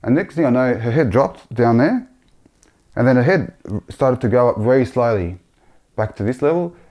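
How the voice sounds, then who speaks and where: A man sharing a personal religious testimony in a halting, earnest way, often repeating himself. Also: mid-range voice, lively intonation, a little mellow.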